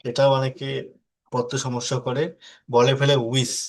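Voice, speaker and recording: A man leads an online English lesson with a patient, unhurried delivery, saying each word again and again so students can drill it. His voice sits at an ordinary middle pitch. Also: flat delivery. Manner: patient, repeats words slowly for drilling. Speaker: English tutor. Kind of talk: online class teaching.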